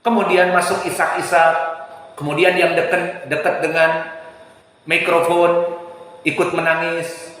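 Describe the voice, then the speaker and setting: Male preacher with a high-pitched voice, heard in a reverberant hall. He lectures on hadith, shouting Arabic verses and dropping to quiet storytelling. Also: flat delivery, a little slow, pauses often. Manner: swings from loud raised Arabic recitation to low storytelling; mixes Arabic quotes into Indonesian talk. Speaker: Islamic preacher.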